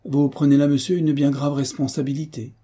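Man reading as an anxious, insistent gentleman. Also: on the high side, little pitch movement, brisk, slightly rough, pitched above the performer's own voice. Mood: protesting. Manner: pleading, insistent.

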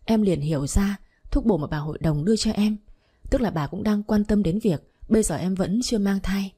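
Woman from vietnam reading an audiobook story, soft husky voice, kinda dark and mellow. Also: medium pitch, brisk. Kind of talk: scripted audiobook narration.

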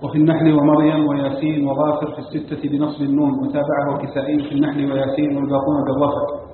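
Guy reading a text super fast, flat monotone, tinny phone-like sound with long echo. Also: a little high, background noise. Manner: rattles off lists in a monotone. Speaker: student reading the text aloud. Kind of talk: rapid reading of a scholarly text. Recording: tinny, distant, reverberant lo-fi recording.

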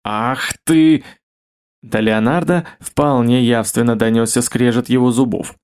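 A man's voice: mid-range voice, moderate pace, smooth. Male audiobook narrator. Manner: steady storytelling. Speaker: audiobook reader. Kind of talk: scripted narration.

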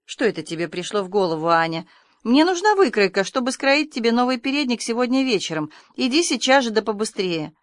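A woman's voice: mid-range voice, moderate pace, fairly bright tone, no room sound, lightly acted. A woman reading the part of a stern older spinster guardian who talks in a curt, ironic, scolding way. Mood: brisk.

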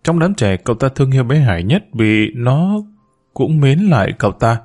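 A man hosting his own channel, reading a serialized story aloud in a measured, calm manner. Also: mid-range voice, faint music behind.

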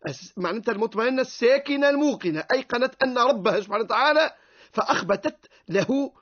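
A man's voice: high-pitched, fairly bright tone. A man with a Tunisian accent, a sheikh giving a radio lecture on the Quran who poses rhetorical questions and answers them himself. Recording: dull lo-fi radio recording.

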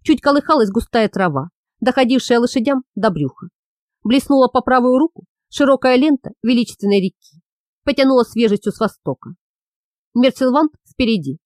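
A woman reading a fantasy novel aloud as an audiobook narrator, in an expressive, measured way. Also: on the high side, no room sound, studio quality.

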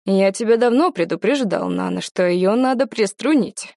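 A woman voicing a gruff, domineering middle-aged uncle who speaks slowly and heavily. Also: mid-range voice, a little mellow, no echo, studio quality. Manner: slow, heavy, commanding.

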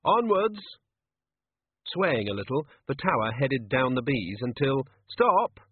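A man narrating a story in a wry, measured manner. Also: medium pitch, husky, no room sound. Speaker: audiobook narrator. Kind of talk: scripted narration. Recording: tinny phone-like sound.

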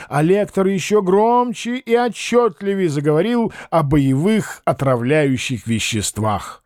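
A man reading a novel aloud as an audiobook narrator, expressive and acting out the characters. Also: high-pitched, dry recording, clean studio sound.

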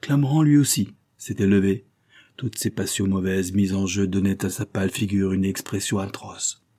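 A man narrating a classic novel as an audiobook in a measured, dramatic way. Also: sits low, fairly even intonation, dark tone, breathy edge.

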